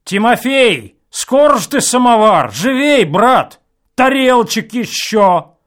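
A man voicing a rowdy, tipsy male hotel reveler who shouts loudly at a party, in an audiobook reading. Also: high-pitched, big pitch swings, slow pace, voice pushed up, full character voice. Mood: boisterous. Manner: loud and boisterous.

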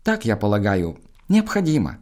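A man's voice: lowish voice, huge pitch swings, normal speed, a little mellow. A man voicing a sanctimonious church clerk who speaks mildly and hesitantly. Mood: pious. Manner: mild, pious, hesitant.

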